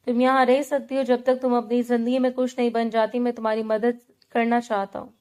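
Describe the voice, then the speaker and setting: A woman's voice: on the high side, level tone, darkish tone, clear, resonant tone, lightly acted. A woman reading the part of a stern, cold young husband who speaks firmly in a storybook. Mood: serious. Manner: cold, firm, clipped.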